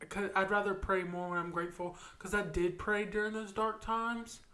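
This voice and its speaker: A woman's voice: mid-range voice, little pitch movement, moderate pace, bright, forceful tone. A woman in her twenties co-hosting a casual podcast, rambling with many "like" fillers. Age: 20s. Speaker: podcast co-host. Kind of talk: casual chat.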